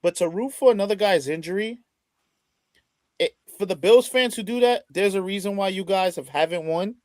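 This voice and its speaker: A man co-hosting a sports podcast in casual chat, indignant and rapid with his questions. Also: sits high, darkish tone, dry recording. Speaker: podcast co-host.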